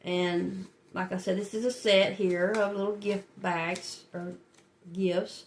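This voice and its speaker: The clip has slight background noise and a woman speaking slowly in a flat, medium-pitched voice. She's a budgeting channel host with a stuffy nose from a cold, chatting with viewers as she works on her savings challenges and laughing a little.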